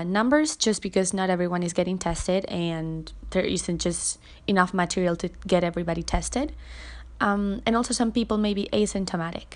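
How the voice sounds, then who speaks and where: Podcast host woman, friendly with ums. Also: fairly low pitch. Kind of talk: podcast introduction and interview.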